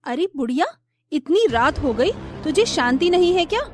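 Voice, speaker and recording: A woman voicing a scheming, spoiled young sister-in-law in a cartoon story, shrill and theatrical. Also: animated, moderate pace, soft background music. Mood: spiteful scolding.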